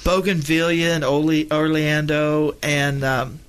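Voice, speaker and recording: A man co-hosts a radio travel show in a loose, rambling way. His voice sits a little high for a man and sounds bright and forward. He clears his throat now and then as he talks. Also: flat delivery, a little slow. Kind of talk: casual radio travel chat.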